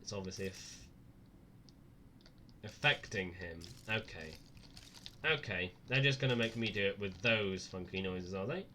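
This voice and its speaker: Scared, jumpy man streaming horror games, bright voice. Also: low voice, measured pace, long pauses, a little hiss or hum. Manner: dry sarcasm; sweary. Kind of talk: live horror game commentary.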